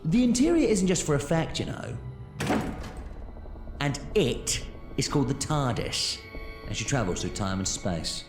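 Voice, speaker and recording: Eccentric male alien adventurer played by an actor, hugely animated pitch swings, theatrical and commanding, music behind, audio drama. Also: measured pace, pauses often. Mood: brisk, curious. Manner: theatrical, excitable, swooping. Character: eccentric time-travelling alien adventurer, exuberant, brisk, commanding.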